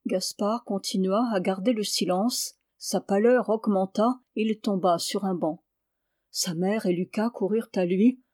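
A woman reading a classic novel aloud, calmly naming each speaker before their lines. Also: mid-range voice, unhurried, dry recording, clean studio sound. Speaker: reader.

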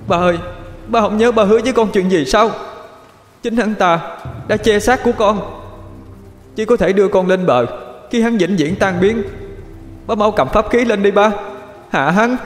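A male storyteller voicing a young ghost boy who pleads tearfully with his father, in a raised, high-pitched, crying voice. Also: moderate pace, pauses often, roomy sound, long reverb tail, lightly acted. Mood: desperate pleading.

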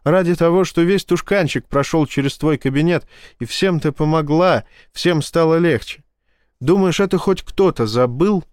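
A man's voice: on the high side, a little mellow, no room sound, studio quality, pitched above the performer's own voice, lightly acted. A man voicing a spirited, brash young woman pilot in an audiobook. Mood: reassuring. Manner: brisk, feisty.

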